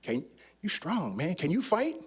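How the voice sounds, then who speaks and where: A man's voice: high voice, wildly swooping pitch, a little slow, breathy edge, exaggerated voice. A man playing a slangy street gang member. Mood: cajoling. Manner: slangy, cajoling street talk. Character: brash young male street gang member.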